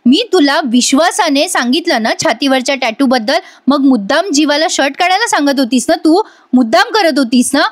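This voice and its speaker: A woman's voice: sits high, animated, a little fast. A woman doing a stern, scolding elder sister. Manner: firm, scolding.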